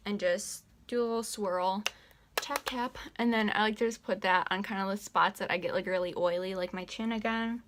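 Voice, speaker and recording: A woman's voice: mid-range voice, a bit bright. A young woman in her late teens talks through her makeup routine at home in a loose, rambling way, leaning on filler words. She is short of breath as she speaks. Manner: chatty, rambling, many "like" fillers. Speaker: beauty vlogger. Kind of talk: casual makeup tutorial chat.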